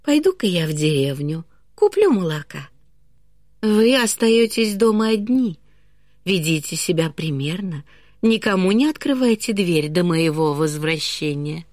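Woman playing a gentle mother goat. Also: lowish voice, big pitch swings, a little slow, dry recording, studio quality. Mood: caring, warning. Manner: gentle, tender and instructive.

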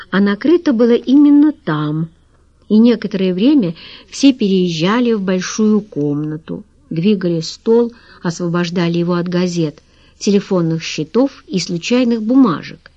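A woman narrating an audiobook in a calm, wry storytelling manner. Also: mid-range voice, no echo, lo-fi sound. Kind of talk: scripted narration.

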